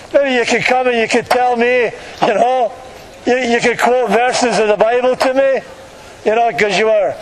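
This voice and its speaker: A man preaching in the open air to passers-by, exhorting them in a colloquial, repetitive way. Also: very high voice. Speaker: street preacher. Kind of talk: open-air evangelistic sermon, addressing passers-by. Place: outdoors in a public street. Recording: outdoor street recording with faint traffic noise.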